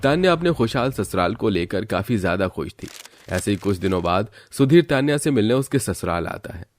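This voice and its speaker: A man's voice: on the low side, lively intonation, fairly quick. A man narrating a scripted cartoon family story in a plain storytelling manner.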